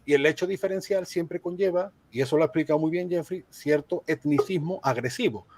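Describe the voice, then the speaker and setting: A man with a fairly high voice explains his opinions in a conversational way, as a panelist in a discussion. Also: fairly quick, darkish tone, no echo. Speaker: panelist, teacher.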